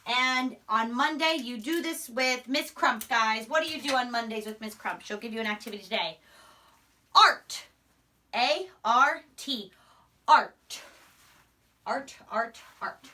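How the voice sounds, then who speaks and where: A primary school teacher, a young woman, gives young children a phonics lesson before a whiteboard in a small indoor room, stressing each letter and word. Her unhurried voice is fairly high, bright and forceful. The camera mic sits a few steps away, leaving her sounding distant.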